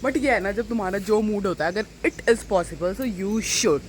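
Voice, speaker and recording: A woman's voice: mid-range voice, measured pace, slight background noise. A woman, chatting in a rambling, casual way in a daily home vlog, often mixing in English phrases. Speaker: vlogger.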